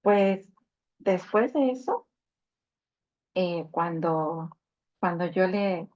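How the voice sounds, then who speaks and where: A woman speaker earnestly and reflectively telling a personal recovery story, often pausing to restart her phrases. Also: lowish voice, darkish tone, dull audio. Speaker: motivational speaker sharing her testimony.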